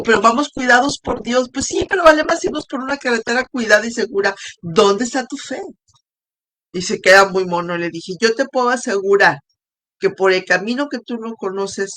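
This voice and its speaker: A woman's voice: fairly high pitch, a bit bright. A woman giving an earnest devotional talk as host, pressing her listeners with repeated rhetorical questions. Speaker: host and preacher.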